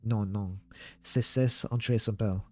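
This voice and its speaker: A man's voice: fairly low pitch, steady tone, a little slow, a little mellow, no room sound, close to an everyday voice. A man voicing an uneasy male go-between who translates in French, reasoning and placating, in a horror story.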